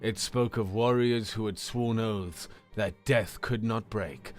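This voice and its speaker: A man reading a fantasy story aloud as narrator, in a steady, measured way that slows for dramatic moments. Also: on the low side, faint music behind.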